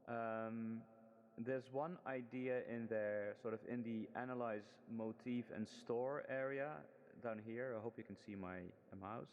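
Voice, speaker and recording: A man presenting his student project in a casual, hesitant demo walkthrough, full of ums and restarts, his voice soaked in heavy hall-like reverb. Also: medium pitch. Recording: long reverb, dull lo-fi sound.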